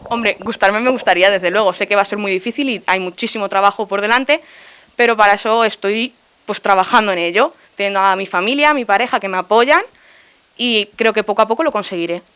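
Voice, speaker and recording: A woman's voice: mid-range voice, fairly quick, fairly bright tone, slight background noise. A young woman artist, answering interview questions earnestly and a little hesitantly. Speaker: artist guest.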